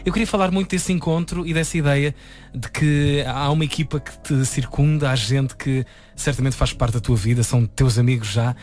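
A man co-hosts a relaxed interview, agreeing readily and adding his own remarks. His voice sits at an ordinary middle pitch. Soft music plays underneath. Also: moderate pace. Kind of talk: conversational interview.

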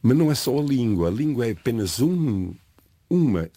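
A man's voice: medium pitch, big pitch swings, moderate pace, warm tone, dry recording. An older man from São Miguel, an interview guest telling stories and musing, drifting off into history and geography as he talks. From Azores, São Miguel. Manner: digressive, reflective, lecturing. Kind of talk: conversational storytelling interview.

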